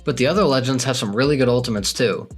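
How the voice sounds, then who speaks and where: A man of middle pitch reads out a game guide in a playful, upbeat way. His voice sits neither high nor low, and soft music plays faintly beneath him. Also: fast talker, breathy edge. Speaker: co-host of a gaming channel. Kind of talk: scripted game guide narration.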